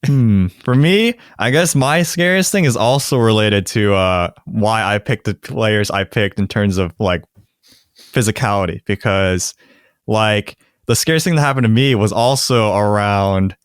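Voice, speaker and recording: A young adult man co-hosts a podcast, his lowish voice measured and clean in a dry, studio-quality recording. He tells animated stories in casual conversation and laughs often.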